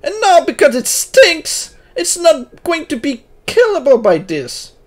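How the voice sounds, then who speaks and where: A woman's voice: high voice, huge pitch swings, measured pace, darkish tone. A woman streamer giving live gameplay commentary, exasperated and talking back at the game.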